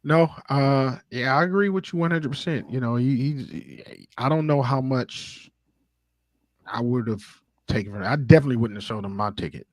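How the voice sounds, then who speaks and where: A man's voice: mid-range voice, moderate pace, no echo. A man co-hosting a podcast in casual chat, agreeing often and adding his own points. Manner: agreeing listener, steady backchannel. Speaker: podcast co-host.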